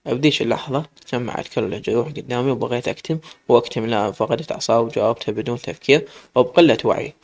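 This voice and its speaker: A man's voice: mid-range voice, very fast. A man with an Iraqi accent reading a dramatic story aloud, with emotional first-person narration.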